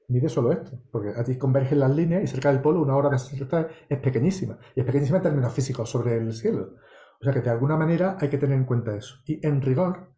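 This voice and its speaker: Mellow-voiced man explaining astronomy. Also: mid-range voice, reverberant. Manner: meticulous, explanatory, with frequent tag questions. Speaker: astronomy lecturer. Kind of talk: online course Q&A.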